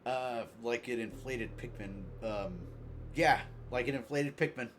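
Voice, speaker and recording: A man's voice: mid-range voice, a little slow, slight background noise. A man streaming a game with casual commentary, jokey and offhand, muttering asides.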